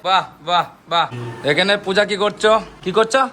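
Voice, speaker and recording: Bright high-voiced young man vlogging. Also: moderate pace, soft background music. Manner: chatty, teasing, talks to viewers as guys. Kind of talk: casual family vlog. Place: village home and outdoors, handheld camera.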